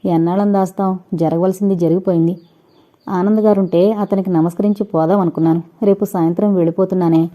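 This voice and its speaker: Brief: woman reader as a young sister, pleading and tearful, mellow tone, lo-fi. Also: on the low side, steady tone, fast talker, close to an everyday voice.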